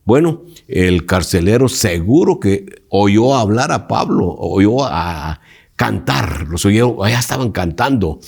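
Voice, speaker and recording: A man's voice: lowish voice, expressive, takes it slowly, creaky, darkish tone, husky. A male pastor teaching a Bible lesson, emphatic and preacherly, putting direct questions to his listeners.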